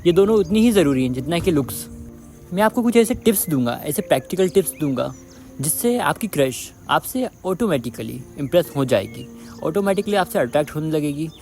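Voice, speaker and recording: A man's voice: a little high, a little mellow. A man hosting an advice video, talking straight to his viewers, calling them friends and repeating his points again and again. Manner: repetitive, addresses viewers as friends. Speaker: dating advice video host. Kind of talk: direct-to-viewer advice talk.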